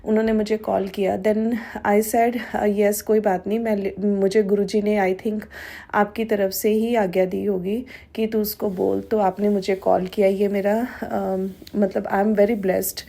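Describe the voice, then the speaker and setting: A middle-aged woman shares a devotional testimony with a congregation, speaking Hindi mixed with English phrases. She talks haltingly with many fillers. Her medium-pitched voice is mellow and flat, with vocal fry.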